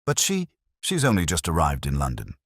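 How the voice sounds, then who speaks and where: A man reading as earnest, deep-voiced Doctor Watson. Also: huge pitch swings, a little fast, slightly rough, no room sound, clean studio sound, exaggerated voice. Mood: puzzled. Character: earnest, puzzled gentleman doctor, detective's loyal companion. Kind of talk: audiobook character dialogue.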